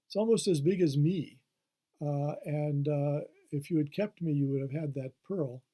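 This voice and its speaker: A man's voice: a little high, normal speed, mellow, close to an everyday voice. A man voicing a clever small talking bird from a fable, teasing and lecturing with hesitant fillers. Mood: mocking.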